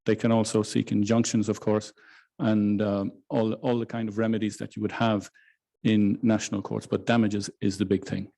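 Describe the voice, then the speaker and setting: A man lecturing on law to a hybrid audience, speaking in a measured way with frequent restarts and fillers. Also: fairly low pitch, little pitch movement, vocal fry, mellow. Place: lecture room in Brussels, hybrid with online audience.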